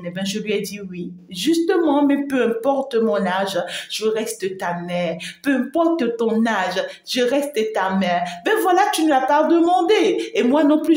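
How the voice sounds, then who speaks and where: Brief: a woman spiritual host streaming live, emphatic and repetitive, fond toward viewers, fairly high voice. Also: darkish tone. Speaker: spiritual medium and channel host. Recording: roomy echo.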